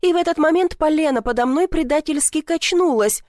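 A woman narrating a first-person audiobook in an expressive, wry way. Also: high-pitched, brisk, no echo, clean studio sound. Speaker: audiobook reader.

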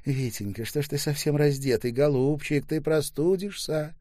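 A man voicing an elderly mother who fusses warmly over her grown son. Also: a little high, moderate pace, no echo, clean studio sound, pitched above the performer's own voice, natural voice. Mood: doting. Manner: doting, exclamatory. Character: elderly mother, warm and fussy.

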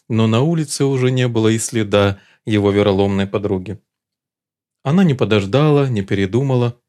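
Male audiobook narrator, mellow tone, steady and measured delivery. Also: medium pitch.

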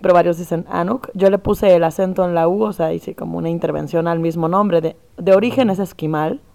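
Thoughtful young Mexican woman, smooth voice. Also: lowish voice, steady tone, fairly quick, warm tone. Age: young adult. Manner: thoughtful, earnest, explains at length. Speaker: performance artist guest. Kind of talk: conversational interview.

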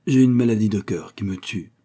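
A man's voice: lowish voice, fairly quick, warm tone, close to an everyday voice. A man voicing a lovesick, ardent young royal page in an audiobook, with earnest, fervent courtly speech. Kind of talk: audiobook character voice.

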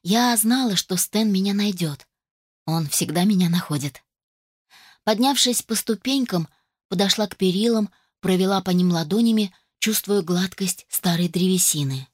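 A woman reading a first-person novel aloud as an audiobook narrator, in an even storytelling way. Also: mid-range voice, moderate pace, dry recording, clean studio sound.

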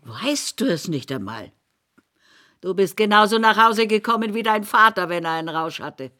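A woman's voice: low-pitched, very animated, normal speed, a bit bright, full character voice. An actress playing a blunt, scolding older Sicilian mother in a radio drama. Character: Sicilian mother, older woman, sharp-tongued.

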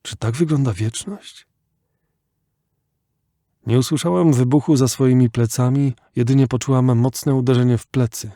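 A man reading an audiobook in a measured, quiet and reflective manner. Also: mid-range voice, no room sound, clean studio sound. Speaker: audiobook reader. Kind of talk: audiobook narration.

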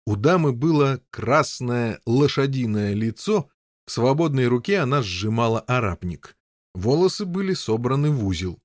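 A man narrating a story in an even, storytelling delivery. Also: medium pitch, moderate pace, dry recording, clean studio sound. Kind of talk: audiobook narration.

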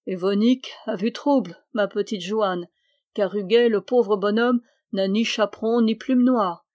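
A woman's voice: medium pitch, a little slow, a little mellow, dry recording, studio quality, lightly acted. A woman reading the part of a mischievous, boastful male dwarf who mocks and teases in a playful way, in a storybook. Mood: mocking. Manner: mocking and playful.

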